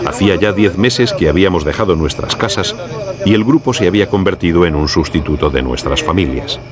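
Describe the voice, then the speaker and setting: A man with a Castilian Spanish accent reads scripted nature documentary narration in a measured, formal storytelling way. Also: low voice, expressive, a loud crowd. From Spain. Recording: clear background noise with insect ambience.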